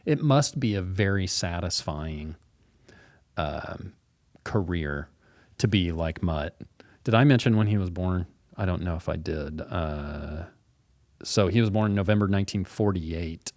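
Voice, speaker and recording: A man's voice: low-pitched, measured pace, a little mellow, no echo, studio quality. A man co-hosting a podcast in casual chat, earnest and rambling with frequent restarts. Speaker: podcast co-host.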